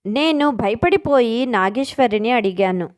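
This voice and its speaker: A woman narrating a first-person suspense story in an expressive, scripted storytelling way. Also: fairly high pitch, measured pace.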